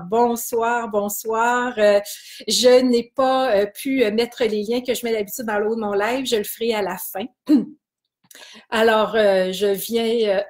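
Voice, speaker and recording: A woman with a Québécois accent hosting a wellness live stream from her computer, greeting viewers by name in a chatty way with many hesitations. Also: mid-range voice. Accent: Québécois French. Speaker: kinesiology wellness host.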